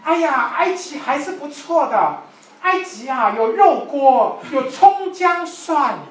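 A woman's voice: expressive, fast. A woman preacher voicing complaining ancient Israelites in a whiny, pleading voice. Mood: whining. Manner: wailing, high-pitched pleading. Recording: echoey room, voice from far off.

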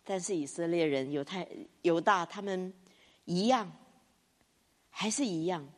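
Woman pastor, sermon, expressive preaching, hushed lows and high loud bursts, long hall reverb. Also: unhurried.

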